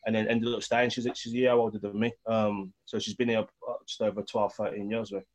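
A man's voice: lowish voice, little pitch movement, brisk. A man in his thirties in a laid-back podcast chat, giving advice and dropping casual slang. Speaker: podcast guest.

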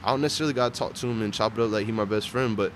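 Young man, earnest and slangy, lowish voice. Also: rapid-fire. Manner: earnest, slangy, addressing listeners as bro. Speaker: barber sharing his faith. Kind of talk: casual faith talk. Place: outdoors at a park bench. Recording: outdoor urban vehicle noise.

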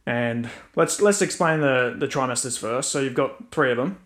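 A young man co-hosting a podcast, chatting in a relaxed, easygoing way. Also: mid-range voice, normal speed. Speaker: podcast co-host. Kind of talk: casual chat.

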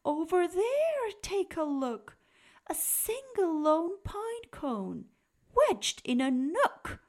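A woman reading a rhyming children's picture book aloud in a slow, expressive, lilting way. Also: very high voice. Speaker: storybook reader.

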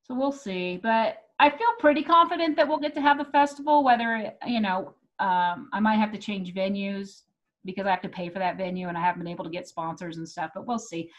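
A woman's voice: mid-range voice, a little fast, muffled recording. A woman from Texas with an American accent, chatting casually and hesitantly as she thinks aloud. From Texas, United States. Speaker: comedian and comedy show producer. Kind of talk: casual chat.

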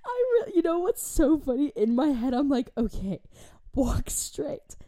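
A woman's voice: high-pitched, moderate pace. A young woman co-hosting a podcast, telling stories in casual chat and laughing often. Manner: laughing often, giggly and animated. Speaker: podcast co-host.

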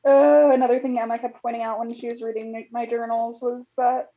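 A woman's voice: on the high side, little pitch movement, fairly quick, muffled recording. A woman in her thirties from California, reflective in casual chat, reading aloud from her old journals and using frequent "like" fillers.

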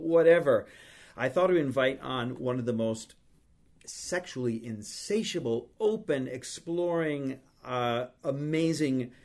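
A man's voice: medium pitch, a little mellow. A middle-aged man hosting a podcast, talking frankly and reassuringly in a casual advice style. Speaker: podcast host.

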